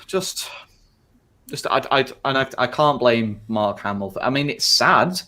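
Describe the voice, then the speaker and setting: A man's voice: mid-range voice, expressive, unhurried, pushed and bright. A man hosting a casual podcast chat, rambling with constant fillers and frequent swearing. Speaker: podcast host.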